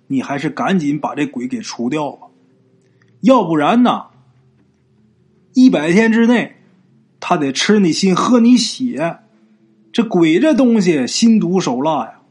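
A man's voice: darkish tone, slightly rough, full character voice. A man doing a blunt old Taoist priest. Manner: blunt, low warning, repeating himself.

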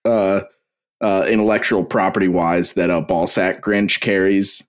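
A man's voice: low-pitched, fairly even intonation, a little slow. A man co-hosting a podcast, chatting casually and laughing often. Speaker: podcast co-host. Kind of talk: casual comedic chat.

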